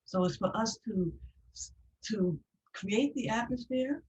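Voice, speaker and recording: A woman hosting a poetry talk, explaining her purpose in an earnest, measured way with some restarts. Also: on the high side, darkish tone, slight background noise, poor audio. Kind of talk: reflective conversational explanation.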